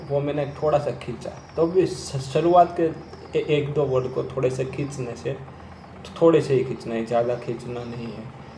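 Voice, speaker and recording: A man coaching people who stammer. He stammers himself and repeats first sounds, speaking slowly and deliberately. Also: mid-range voice, darkish tone, reverberant, slight background noise, rough recording. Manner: slow, deliberate delivery with long pauses. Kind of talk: instructional talk to camera.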